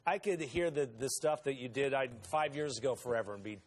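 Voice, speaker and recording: A man's voice: mid-range voice, animated, brisk. A man hosting a morning TV show, upbeat and laughing often with his guest. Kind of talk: casual TV chat. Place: TV studio.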